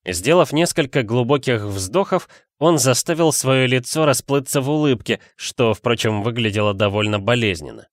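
A man's voice: mid-range voice, expressive, normal speed, hardly any pauses, no room sound, studio quality. A man reading an audiobook, narrating steadily and expressively. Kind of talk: scripted narration.

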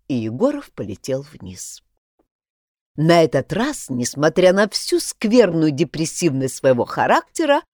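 Brief: woman narrator, very lively pitch, dry close sound, expressive storybook reading. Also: dry recording. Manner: expressive, performs all the voices.

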